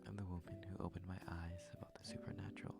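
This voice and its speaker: In an intimate ASMR roleplay, a man voices a young prince who is courteous, shy, and flustered, speaking gently and hesitantly in formal phrasing, often dropping to a breathy whisper. His voice is deep and level, his pace quick, and loud music plays beneath him. The mood comes across as polite and apologetic.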